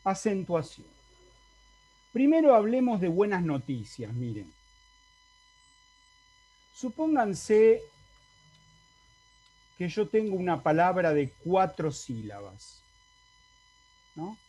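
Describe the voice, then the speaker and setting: A man's voice: high-pitched, very animated, slow pace, pauses often, warm tone. A male university Latin teacher with an Argentine Spanish accent, explaining in an online lecture over a video call and often checking with the class. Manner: explanatory, asks the class for confirmation.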